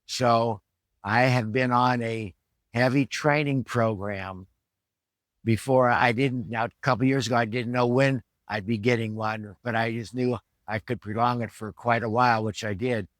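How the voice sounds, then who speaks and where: A man in his seventies talks through things in an informal, instructional way. His pitch sits in the middle of the male range, and he explains plainly, like a trainer. The sound is dry, with very little room echo. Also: fairly even intonation, moderate pace, fairly bright tone. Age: 70s. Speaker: fitness trainer and rehab vlogger. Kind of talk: informal instructional vlog talk. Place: at home.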